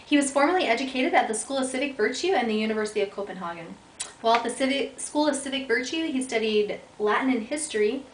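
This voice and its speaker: A woman's voice: a little high, expressive, quick pace. Young american woman doing a class talk off her notes, lots of ums, sounds far from the mic in an echoey room. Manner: reads from notes with frequent ums and restarts. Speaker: education student. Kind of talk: class oral presentation. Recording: echoey room, voice from far off, faint background noise.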